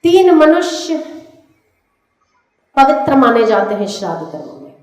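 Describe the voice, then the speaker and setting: A woman, a spiritual teacher giving a religious discourse to an audience, slow and didactic, repeating lists so listeners can write them down. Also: sits high, sing-song, darkish tone. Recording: very echoey hall.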